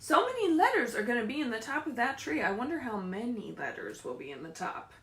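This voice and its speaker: Her voice is a little high and her pace brisk as this librarian hosts a children's story time from a room at home, animated, encouraging and full of questions for the kids. The livestream audio is roomy with noticeable echo.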